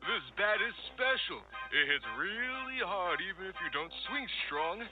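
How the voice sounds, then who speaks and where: A man's voice: sits high, animated, normal speed, narrow, tinny audio, music in the background. A man voicing a playful but menacing talking cat for an analog horror animation, coaxing in a singsong way. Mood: playful menace.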